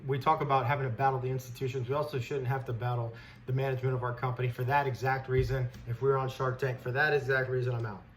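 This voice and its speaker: Here a stock-trading host speaks quickly at medium pitch, his intonation barely moving. His commentary is an off-the-cuff, indignant rant, blunt and informally worded, captured cleanly without background noise.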